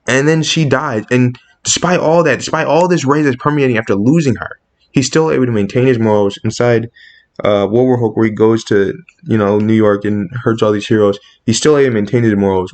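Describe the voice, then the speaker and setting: A man's voice: on the low side, darkish tone. Male commentator, casual monologue, passionate and indignant in tone. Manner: impassioned, rising sharply when indignant. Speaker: comics commentator.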